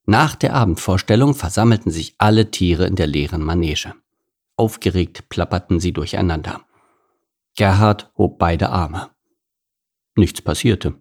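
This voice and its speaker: A man's voice: low-pitched, moderate pace. A man reading a children's animal story aloud as its narrator.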